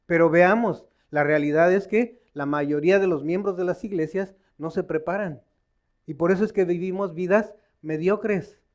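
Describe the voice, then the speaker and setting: A man with a higher-pitched, somewhat dark voice leads a Bible study as an unpolished lay preacher giving an informal, conversational sermon. He quizzes the room with questions and keeps stopping to search for words, filling pauses and restarting sentences often.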